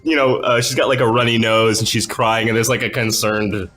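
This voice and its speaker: A man's voice: lowish voice, flat delivery, a little fast, fairly bright tone. A man narrating a tabletop game as game master, casual and profane, with laughing asides.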